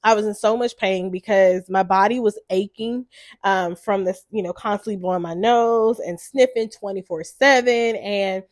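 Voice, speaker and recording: A woman's voice: medium pitch, normal speed, no room sound. A woman in her thirties hosting a casual solo podcast, chatty and full of "like", with a stuffy, congested nose. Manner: chatty, says "like" a lot. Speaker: podcast host.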